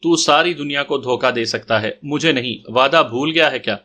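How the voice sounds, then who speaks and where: A man voicing a fiery rough-spoken woman. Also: medium pitch, sharp tone, close to an everyday voice. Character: fiery, possessive woman on a phone call.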